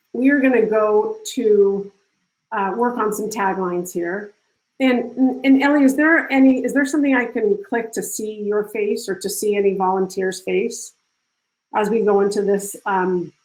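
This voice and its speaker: A woman's voice: mid-range voice, a little slow, darkish tone, reverberant, rough recording. A woman leading an online workshop, coaching volunteers in a casual, encouraging way with frequent restarts. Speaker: workshop speaker. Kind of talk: live online workshop talk. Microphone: video call.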